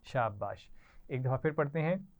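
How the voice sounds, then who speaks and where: A woman teaching Quran recitation to children, modelling each word slowly for the class to repeat. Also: very deep voice, animated, a little mellow. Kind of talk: slow call-and-response recitation lesson. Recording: tinny lo-fi online class audio.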